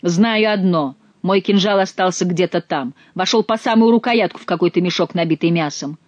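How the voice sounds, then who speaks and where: A woman's voice: on the low side, moderate pace, dry recording, highs cut off, lightly acted. A woman reading as a furious swearing courtier. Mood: agitated. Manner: angry, swearing. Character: furious male courtier dyed blue.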